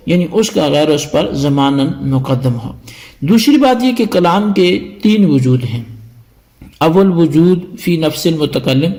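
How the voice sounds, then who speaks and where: Male religious teacher, fairly high voice, patient step-by-step scholarly lecture. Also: a little mellow. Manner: explanatory, defines terms step by step. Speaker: teacher of Quranic exegesis.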